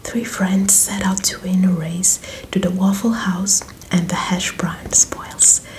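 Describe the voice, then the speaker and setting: Young woman doing whispered role-play as a helpful librarian, soft library whisper, really slow. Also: on the low side, level tone, poor audio. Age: young adult. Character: friendly, helpful librarian recommending books. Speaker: ASMR performer playing a librarian. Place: small indoor room with bookshelves.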